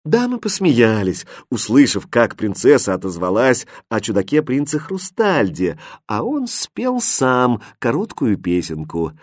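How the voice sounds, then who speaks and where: A man narrating a fairy tale audiobook with expressive storytelling. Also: medium pitch, unhurried, few pauses, no echo, studio quality.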